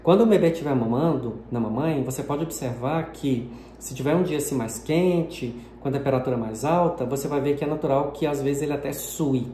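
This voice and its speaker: A man's voice: mid-range voice, a little fast, few pauses, dark tone. A man from Brazil giving a patient, explanatory video lesson on phonetics, sprinkling his speech with diminutives. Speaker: linguistics teacher. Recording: echoey room with faint noise.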